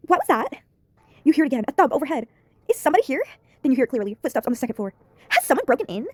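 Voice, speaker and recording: Girl reading a story game out loud, giggly, high voice, super dry sound. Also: sing-song, racing, dry recording. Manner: giggly, chatty asides.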